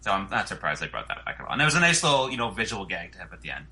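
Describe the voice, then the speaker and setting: A man co-hosting a relaxed comedy podcast who walks through jokes in detail. His voice sits fairly low, yet it swings up and down with real liveliness. The tone is very bright. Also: rapid-fire, vocal fry. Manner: explains and recaps jokes in detail. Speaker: podcast co-host. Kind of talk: casual chat.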